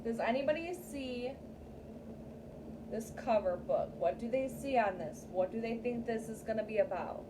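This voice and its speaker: A teacher reads a story aloud to a class of young pupils, keeping it interactive with frequent checks like "okay?" and "right?". Her voice is fairly high, animated and at normal speed, picked up by a distant mic with clear room noise around it.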